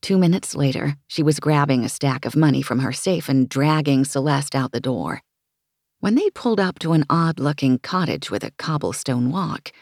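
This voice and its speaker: A woman reading a novel aloud as an audiobook narrator, in a measured, expressive storytelling manner. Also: sits low, gravelly, husky, dry recording, clean studio sound. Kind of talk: scripted fiction narration.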